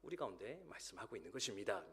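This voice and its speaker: Man, thirties, pastor, sermon, storytelling, acts out dialogue, lively pitch. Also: racing. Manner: storytelling, acting out a dialogue between students. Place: church sanctuary.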